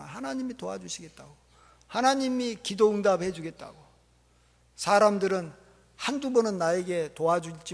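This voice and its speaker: A man preaching a sermon as pastor, animated, acting out parents and a crying child. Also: sits high. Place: church sanctuary. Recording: long church reverb.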